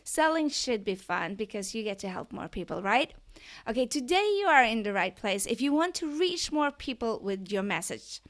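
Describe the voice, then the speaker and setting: A Norwegian woman with a Norwegian accent speaks as an online business coach in an eager, chatty podcast monologue, frequently posing questions to the listener. Her voice is on the high side and a bit bright.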